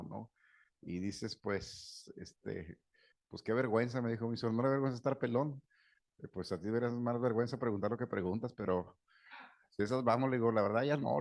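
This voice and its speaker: This middle-aged man from Mexico, a psychotherapist, chats with a group in a relaxed, story-driven talk, laughing a lot and leaning on fillers. His mid-range voice is gravelly and a little mellow.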